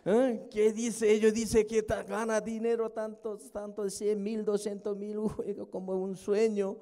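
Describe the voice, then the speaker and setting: A man whose first language is Korean, presenting a seminar in non-native Spanish, joking with the audience, chuckling often and checking in with quick questions. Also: sits high, level tone, dark tone. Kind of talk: live seminar talk to an audience. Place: hotel event hall.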